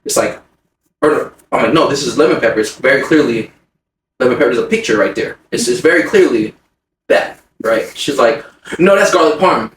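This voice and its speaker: A man telling a story in casual podcast chat, swearing freely, his voice jumping much higher when he acts out his anger. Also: brisk. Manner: animated, swearing, voice jumps high when retelling anger. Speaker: podcast co-host. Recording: roomy sound, mic a bit far, faint noise.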